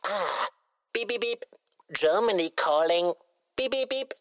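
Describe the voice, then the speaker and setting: A woman's voice: mid-range voice, animated, slow pace, a bit bright, no echo, clean studio sound, voice pushed down. A woman voicing a beeping electric newt that works as a sci-fi communicator device, chattering in a mechanical, stuttering way in a children's audio story.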